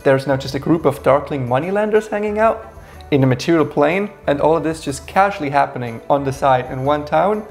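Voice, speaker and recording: Male co-host, 30s, sarcastic review chat, some vocal fry. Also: on the high side, lively intonation, brisk, faint music behind. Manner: wry, sarcastic storytelling. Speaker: co-host reviewing a game adventure. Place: small indoor room with shelves.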